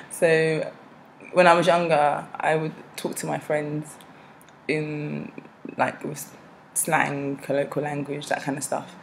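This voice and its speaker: A woman's voice: low-pitched, level tone, takes it slowly, gravelly, a little hiss or hum, low-quality recording. A young woman with a South East London accent, chatting casually to camera in a playful way. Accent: South East London English. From born in Nigeria, raised in South East London. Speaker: vlogger.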